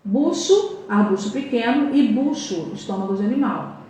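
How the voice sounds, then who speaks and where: A Brazilian woman gives a grammar lesson, her fairly high voice ringing through a very echoey room. She sounds set back from the mic, pausing to check in and repeating word pairs slowly. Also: expressive, warm tone, recorded from a distance. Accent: Brazilian Portuguese. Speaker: Portuguese language teacher.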